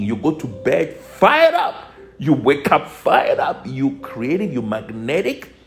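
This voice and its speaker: A man with a Togolese accent delivers a motivational spiritual lesson. His medium-pitched voice moves in deliberate phrases with emphatic stresses. Soft music plays behind him. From Togo, West Africa. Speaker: spiritual life coach, teacher.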